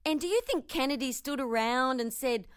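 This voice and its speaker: An earnest woman with a fairly high voice reads a spiritual text aloud and then comments on it as a teacher. She speaks with steady emphasis. The sound is dry and close. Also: moderate pace, smooth, no echo.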